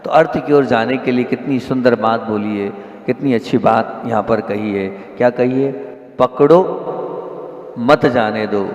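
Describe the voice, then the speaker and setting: A man's voice: medium pitch, fairly even intonation, moderate pace, darkish tone, muffled recording. A man delivering a sermon, questioning his listeners and repeating key phrases with rising emphasis. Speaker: Jain monk preacher. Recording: echoey hall with long reverb.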